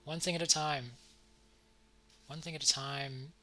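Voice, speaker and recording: A man voicing a gentle, worried male unicorn in a visual novel, speaking softly, haltingly and earnestly. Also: a little high, fairly even intonation.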